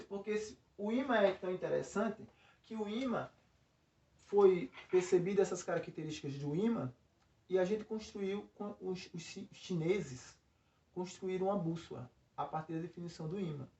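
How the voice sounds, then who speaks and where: A man's voice: sits high, normal speed, a little mellow. A Brazilian man teaching a physics lesson, stopping often to check that students are following. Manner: explains with frequent check-in tags and restarts. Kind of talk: recorded classroom lesson. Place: classroom by a board. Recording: roomy lo-fi sound from a distance.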